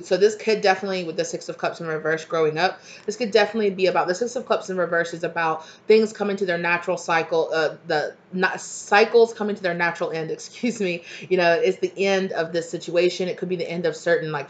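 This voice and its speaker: In a home kitchen, a woman in her thirties who has a slight cold reads tarot to her webcam in a casual, channeled style, warm and reassuring and full of fillers and asides. Her voice sits on the low side, and the desk-distance webcam recording sounds slightly dull.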